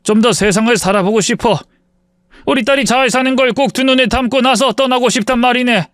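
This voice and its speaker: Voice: medium pitch, brisk, a bit bright, dry recording, voice pushed up, close to an everyday voice. A man reading the part of an elderly father who is frail and apologetic, speaking in humble, old-fashioned phrases.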